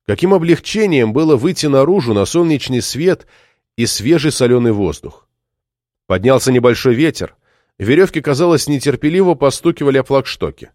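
In a dry, studio-quality recording, a man narrates an audiobook from a script with expressive storytelling. His voice is mid-range and he reads at a normal speed.

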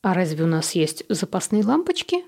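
A woman's voice: lowish voice, very animated, normal speed, creaky, darkish tone, heavily acted. Woman doing a clingy tearful mother. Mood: wistful. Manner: plaintive, fretful questions. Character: middle-aged mother, tearful, clingy, self-pitying.

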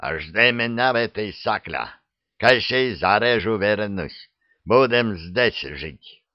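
A man's voice: lowish voice, takes it slowly, no room sound, lo-fi sound. A man doing a hot-blooded mountain groom, Caucasian accent. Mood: boastful. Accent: Caucasian-style broken Russian. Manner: excitable, broken grammar.

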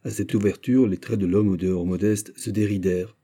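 Male audiobook reader, low dark voice, animated character dialogue. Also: fairly quick, slightly rough. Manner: lively, voices characters with raised pitch. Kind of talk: scripted narration with acted dialogue.

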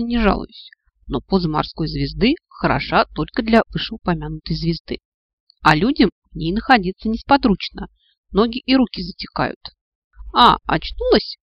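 A man reading an audiobook in a wry, lively first-person storytelling way. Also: sits high, dry recording, muffled recording. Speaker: audiobook narrator. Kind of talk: audiobook narration.

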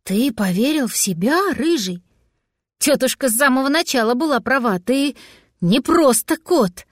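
Woman voicing a soft-spoken young wizard. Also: sits high, animated, normal speed, no echo, studio quality. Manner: soft and quiet. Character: young male wizard, polite and gentle.

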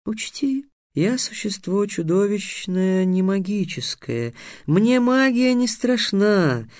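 A man voicing a smug, hungry male sphinx who teases with riddles, drawing his words out slowly. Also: high voice, lively intonation, a little mellow, no echo, clean studio sound, voice pushed up. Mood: gruff. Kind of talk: audiobook character voice.

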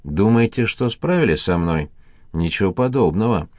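A man's voice: fairly low pitch, lively intonation, moderate pace, a little mellow, no echo, clean studio sound, lightly acted. A man voicing a bound, bitter middle-aged man accused of murder, speaking in a grating, sneering way.

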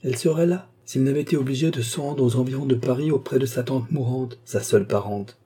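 A man's voice: mid-range voice, fast, dark tone, slightly rough. A man reading an audiobook, voicing a frail, stubborn and emotional old marquis in a raised voice. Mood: insistent. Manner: insistent, emotional.

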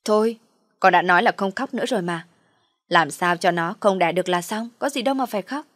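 A woman voicing a sharp-tongued, spoiled pregnant young wife who snaps out retorts. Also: medium pitch, a little fast, dry recording, studio quality, lightly acted. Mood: coaxing. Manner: scornful, snappy retorts.

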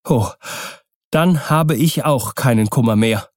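A man's voice: medium pitch, slow pace, darkish tone, no room sound, clean studio sound, pitched above the performer's own voice, natural voice. A man voicing a devoted, determined young wife in an audiobook reading, in a pleading, earnest manner. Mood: impassioned.

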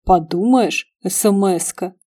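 A sulky, jealous man who grumbles his objections, as a woman reader voices him. The tone is mellow and dark-edged, gruff rather than loud, in an audiobook read. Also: mid-range voice, slow pace. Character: jealous, grumpy young man.

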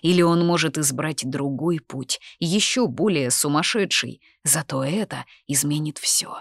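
A woman with a low voice reads a fantasy audiobook. Her storytelling is expressive and at times drops to a hush. The recording is dry and close, with no room sound. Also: breathy edge, dry recording. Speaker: audiobook narrator. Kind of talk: scripted fantasy audiobook narration.

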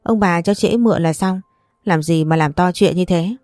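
A woman's voice: fairly low pitch, a little fast, a little mellow, dry recording, studio quality, faint music behind, lightly acted. A woman voicing a bold aunt who argues firmly and reasons with elders. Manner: arguing firmly.

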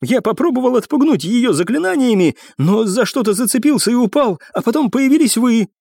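A man voicing a panicked young male magic cadet who shouts in a high, frantic voice. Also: lively intonation, measured pace, dry recording, clean studio sound.

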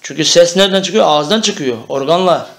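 A man's voice: on the high side, a little fast. A man teaching an Arabic grammar lesson, explaining step by step and often checking that the class understands.

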